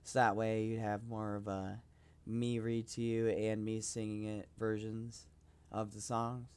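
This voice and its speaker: Young male podcaster, smooth clear voice, hesitant and self-promoting, flat delivery. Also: on the low side, unhurried. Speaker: rapper hosting his own podcast. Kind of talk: casual solo podcast talk.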